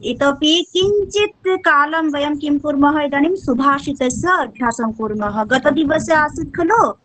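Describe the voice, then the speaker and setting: A woman teaching a Sanskrit class, slowly prompting learners and often checking whether they follow. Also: high-pitched, a bit bright, a little hiss or hum. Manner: chants verses slowly. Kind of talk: online class instruction.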